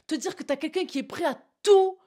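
A woman's voice: very high-pitched, a little fast, mellow. A young woman giving a casual, emphatic motivational talk, addressing the listener directly with frequent asides. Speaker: motivational vlogger.

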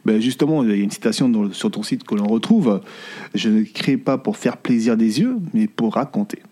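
A man hosting a podcast interview, speaking informally and encouragingly, with halting, restarted phrases. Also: fairly low pitch, warm tone. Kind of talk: conversational interview.

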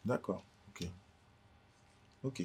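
A man hosting an interview, asking measured, probing questions and nodding along with short acknowledgments. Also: darkish tone, a little hiss or hum. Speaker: interview host. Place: indoor cultural space in a bookstore.

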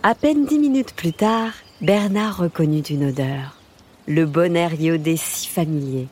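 A woman narrating a children's story in a lilting, expressive way. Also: sits low, unhurried, slightly rough. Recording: music bed under the voice.

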